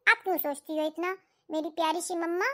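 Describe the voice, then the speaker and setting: A woman's voice: very high-pitched, fairly even intonation, fairly quick, a bit bright. A woman voicing a cheerful, caring young daughter in a cartoon story. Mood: playful. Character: cheerful caring eldest daughter, girl, teasing. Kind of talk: cartoon voice acting.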